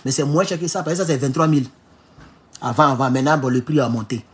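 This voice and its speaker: A man's voice: mid-range voice, fast. A man from Côte d'Ivoire with an Ivorian French accent, telling a personal story as a political vlogger and giving emphatic warnings to his audience. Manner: emphatic, warning tone, with English phrases mixed in. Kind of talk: casual storytelling monologue.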